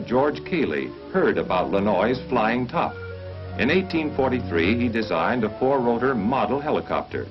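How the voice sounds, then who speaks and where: An American man with a mid-range voice narrates a mid-20th-century military training film, formal, measured, and instructional. It comes from an old film soundtrack, and the audio sounds dull.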